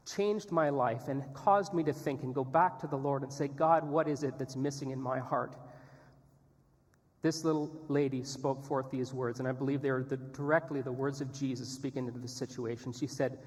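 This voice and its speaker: A man's voice: medium pitch, moderate pace, a little mellow. A male missionary telling an earnest, candid story as a sermon testimony in a church. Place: church sanctuary. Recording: long reverb in a church hall.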